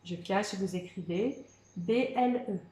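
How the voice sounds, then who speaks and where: Warm and measured, a woman's medium-pitched voice carries some reverb and slight background noise as she teaches young children spelling remotely. Going letter by letter, this primary school teacher patiently encourages them, repeating "d'accord" and "très bien".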